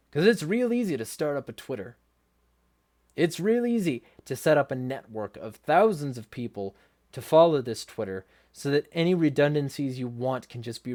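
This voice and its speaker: Male livestream host, mid-pitched, blunt and sweary, indignant ranting with some sarcasm. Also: a little mellow. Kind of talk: ranting livestream talk, reading viewer comments.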